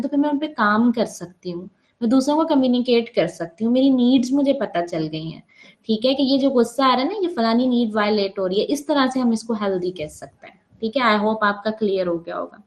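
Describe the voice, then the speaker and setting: A woman's voice: on the high side, a little fast, darkish tone. A woman with a Pakistani Urdu accent teaching an online workshop, explaining step by step, mixing English terms into her Hindi-Urdu and often checking in with her listeners. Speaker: psychology workshop trainer.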